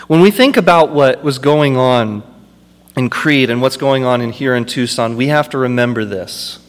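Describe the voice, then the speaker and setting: A man's voice: mid-range voice, normal speed, in a large hall. A man preaching a sermon as pastor, with impassioned delivery that builds to emphatic peaks.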